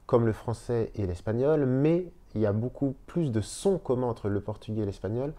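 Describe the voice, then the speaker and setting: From a hotel room, a Spanish teacher gives a casual video lesson, explaining slowly and repeating words. His voice is medium-pitched with a warm tone.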